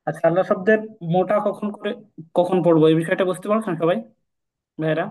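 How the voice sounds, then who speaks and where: A man's voice: sits high, steady tone, darkish tone, poor audio. Patient man teaching Quran recitation. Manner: patient, repeats key points, chants Arabic examples slowly. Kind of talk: informal recitation lesson.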